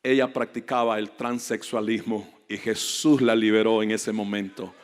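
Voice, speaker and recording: A man preaching a fervent sermon as a guest pastor, rising to loud emphatic peaks. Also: lowish voice, fairly even intonation, normal speed. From Latin America. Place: church hall. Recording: echoey church hall reverb.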